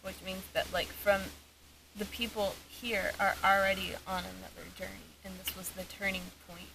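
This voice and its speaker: Female vlog host, average pitch, casual and thoughtful delivery in short phrases, noisy outdoor field sound. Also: level tone, normal speed, gravelly. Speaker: vlog host, paranormal investigator. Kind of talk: casual reflective chat. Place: outdoors in a cemetery.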